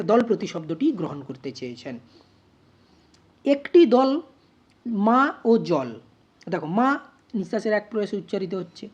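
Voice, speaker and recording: Woman teacher with a lively, husky voice. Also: medium pitch, highs cut off. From West Bengal, India. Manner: explanatory, spells out words slowly syllable by syllable. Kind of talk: grammar lesson.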